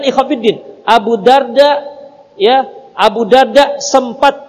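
A male Islamic preacher, giving a lively, joking sermon that acts out little dialogues. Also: very high-pitched, in a large hall.

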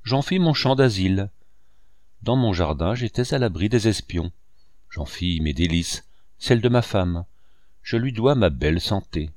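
A man reading a first-person memoir aloud as an audiobook narrator, in a measured, expressive storytelling manner. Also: on the low side, dry recording, studio quality.

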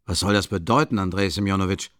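Man doing a blustering pompous gentleman. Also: low voice, quick pace, no room sound, clean studio sound. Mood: defensive. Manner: defensive, stammering, blustering. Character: pompous middle-aged man, flustered and defensive.

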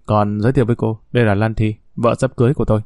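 A man's voice: on the low side, flat delivery, rapid-fire, a little mellow, dry recording, studio quality, lightly acted. A man voicing a cold, cutting young boss. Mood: wry. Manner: stern, cutting. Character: cool, sarcastic young male company boss.

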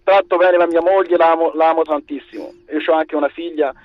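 A man with a Moroccan accent calling a radio phone-in, speaking spontaneously and haltingly, restarting his phrases. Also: fairly high pitch, steady tone, no echo. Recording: dull, band-limited phone line.

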